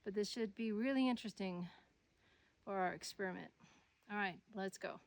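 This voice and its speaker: A woman's voice: mid-range voice, moderate pace, vocal fry, dry recording. A woman hosting a hike outdoors in the mountains, chatting and musing aloud as she walks, tired and hot. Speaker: host of a Bigfoot investigation channel. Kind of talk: casual chat while hiking.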